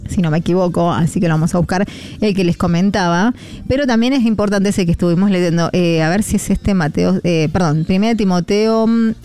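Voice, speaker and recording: Warm-voiced Argentine woman radio host. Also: lowish voice, brisk. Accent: Argentine Spanish. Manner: rambling, hesitant, many fillers, encouraging. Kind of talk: devotional talk on air.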